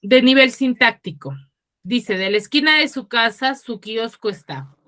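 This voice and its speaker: A woman's voice: fairly high pitch, animated, measured pace, pushed and bright. A woman teacher with a Huaraz Peruvian accent, giving an online class over a video call. She keeps checking in with her students through tag questions and calls on them by name. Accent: Peruvian Spanish from Huaraz. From Peru. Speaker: secondary school teacher.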